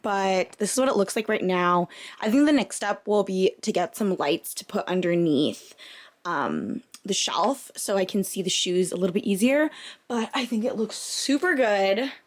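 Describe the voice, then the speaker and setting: A young woman talking casually to her vlog audience, recorded indoors at home. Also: mid-range voice. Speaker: vlogger.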